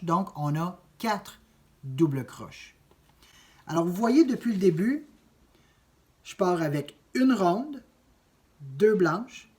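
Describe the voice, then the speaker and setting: Man, drum teacher, slow deliberate explaining, counts beats aloud. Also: high-pitched. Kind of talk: music lesson.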